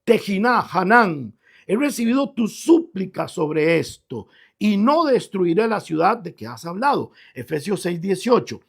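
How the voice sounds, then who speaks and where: A man's voice: high voice, sing-song, unhurried, creaky, breathy edge. A man preaching a radio sermon as pastor, reading scripture and rising in emphatic bursts.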